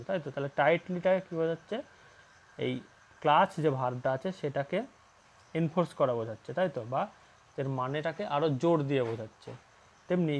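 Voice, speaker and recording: A fairly high-voiced man is teaching English grammar. He reads each English sentence out deliberately and then walks the class through it with patient rhetorical questions. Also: a little mellow. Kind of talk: English grammar lesson in Bengali.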